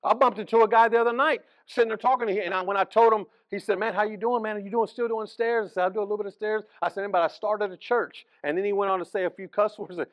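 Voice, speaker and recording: A man preaching as pastor, telling the story in an animated way, acting out the people in it and restarting phrases often. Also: sits high, fast, few pauses, no room sound, dull audio. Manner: animated storytelling, acts out voices, frequent restarts. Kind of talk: sermon.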